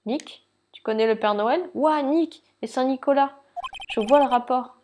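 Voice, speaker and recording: A woman's voice: high-pitched, measured pace, darkish tone, slight background noise. A woman voicing a chirpy teenage girl sidekick in a video game, in a bubbly, playful way over game music. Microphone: lapel mic.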